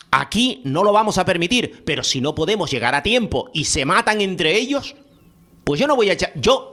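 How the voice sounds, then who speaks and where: A man holds forth in a heated studio discussion. His speech rises and falls in wide, animated swings, set a little high for a man. He is emphatic and impassioned, hammering points home by repeating them.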